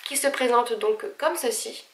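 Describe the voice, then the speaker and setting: A woman's voice: a little high, steady tone, unhurried, roomy sound, far from the mic. Chatty woman with a stuffy nose. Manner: chatty, many hesitations, gushing. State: stuffy nose, speaking with effort. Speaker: vlogger. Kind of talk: casual haul video.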